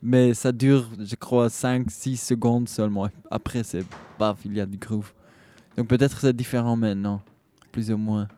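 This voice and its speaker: A Dutch-speaking Belgian man being interviewed as a guest, speaking French with a foreign Flemish accent and often pausing to search for words. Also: mid-range voice, fairly even intonation, mellow. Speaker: musician guest, saxophonist and band leader. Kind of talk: conversational radio interview.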